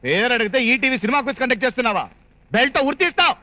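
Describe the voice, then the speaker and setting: A man playing a stern, gruff police officer in a comedy film scene, barking questions at a suspect. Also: very high-pitched, lively intonation, very fast, bright, forceful tone, no room sound, exaggerated voice. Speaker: actor.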